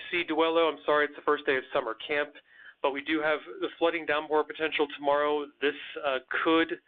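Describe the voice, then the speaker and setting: Man, weather forecaster, live viewer Q&A, earnest, stammering a bit, lots of fillers, phone-like audio. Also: fairly high pitch. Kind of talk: live-streamed forecast chat answering viewer comments.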